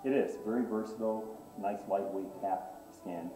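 In an indoor menswear boutique, a middle-aged owner shows off his items during an interview, full of eager salesman patter and fillers. His voice is lowish and dark, at a normal speed, picked up by a distant camera with soft music behind it. The shop sounds echoey because he's off-mic.

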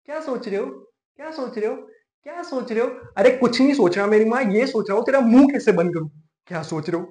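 High-voiced man in an exasperated comic rant. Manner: exasperated ranting, mixes English phrases in. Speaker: comic monologue performer. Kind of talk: scripted comic rant monologue. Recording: echoey room.

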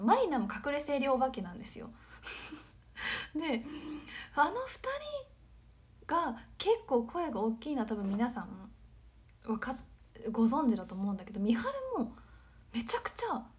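A woman in her twenties from Nagano, chatting casually on a livestream, giggling and drifting into soft whispered asides. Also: fairly high pitch, lively intonation, normal speed, pauses often. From Nagano, Japan. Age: 20s. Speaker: livestream host. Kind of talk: casual chat reading viewer comments.

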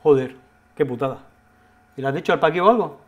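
A man's voice: fairly high pitch, brisk, lo-fi sound, natural voice. A man from Spain playing a blunt young Spanish friend who swears casually and gives advice. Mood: exasperated.

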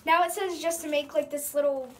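A young girl of about ten with a high voice talks casually in a small room at home. She is dramatic and self-mocking, switching between reading aloud and chatty asides into a device at arm's length. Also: fairly even intonation, fairly quick, slight background noise. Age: child, ten years old. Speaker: young vlogger. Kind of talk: casual chat, reading aloud from old diary.

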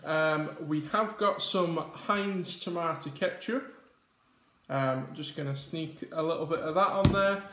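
A man's voice: on the high side, unhurried, fairly bright tone. Chatty man in an echoey room. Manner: chatty, rambling with many ums while eating. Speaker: YouTube host. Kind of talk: casual mukbang vlog. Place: indoor room at a table. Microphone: camera mic with face cam and top camera.

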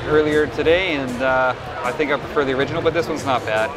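A man's voice: mid-range voice, fast. A man giving an informal, off-the-cuff booth tour commentary from a convention hall, casually offering mild opinions as he goes. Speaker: collectibles video host. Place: convention hall show floor, indoors. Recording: loud music behind, busy convention hall. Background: loud music in a convention hall.

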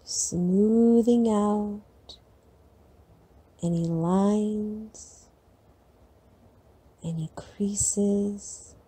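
Woman doing a sleep meditation, super slow, dark mellow voice, soothing. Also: mid-range voice, fairly even intonation, husky. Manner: slow, soft and soothing, long pauses. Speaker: meditation guide.

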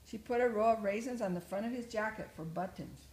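An older woman, a grandmother, reading a children's story aloud with expressive, rhythmic storytelling. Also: medium pitch, a little fast. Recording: echoey room, faint noise.

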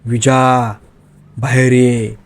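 Rich: A menacing ghost that has taken over a woman's body, put on by a male storyteller. She calls out slowly and loudly, taunting and threatening, in a plain, mid-pitched voice. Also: little pitch movement.

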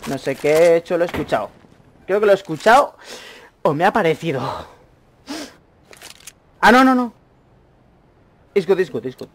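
A young man commentating his own gameplay, chatty, with excited outbursts and muttered asides. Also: on the high side, normal speed, long pauses. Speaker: gaming YouTuber. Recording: faint noise, mouse and keyboard clicks.

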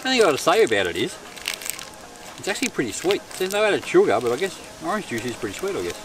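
At a night riverbank campsite, a middle-aged Australian man vlogs casually to camera while camping and fishing, laid-back, chatty and amused at himself. His voice is fairly high and sing-song, delivered rapid-fire with background music. A camera mic at a distance records him amid outdoor night noise.

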